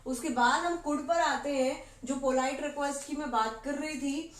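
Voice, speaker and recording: A woman English teacher giving a classroom grammar lesson, explaining in Hindi and reading English example sentences slowly, often checking with "ठीक है". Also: sits high. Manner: keeps asking questions and says "ठीक है" often. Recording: roomy with faint background noise.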